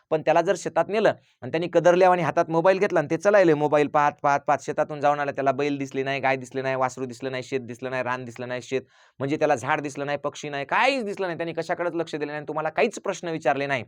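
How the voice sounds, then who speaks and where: Man, teacher, rhetorical questions, rapid delivery, dry close sound. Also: on the high side, clear, resonant tone, no room sound. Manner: rhetorical questions answered himself; acts out children's quoted lines. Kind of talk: parent advice talk.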